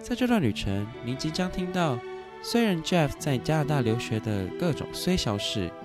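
A man doing a polished flight attendant announcer, lively lilt, loud music under it. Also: a little high, normal speed. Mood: formal. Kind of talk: mock airline announcement intro. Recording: voice over loud intro music.

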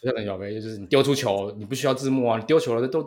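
A man in his thirties with a Taiwanese Mandarin accent, co-hosting a casual podcast in an animated, repetitive way that keeps seeking agreement. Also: mid-range voice, very fast. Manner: animated, repeats phrases, seeks agreement. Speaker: podcast co-host. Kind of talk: casual bantering podcast chat.

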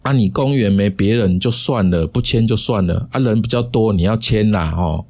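A man voicing an easygoing old man who smooths over a quarrel in a slow, coaxing way. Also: on the low side, darkish tone. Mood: placating.

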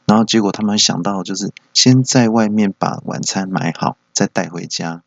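A man's voice: fairly low pitch, normal speed, creaky, no room sound. A man hosting a solo comedy podcast, telling playful stories. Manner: playful storytelling. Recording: dull, dry lo-fi home recording.

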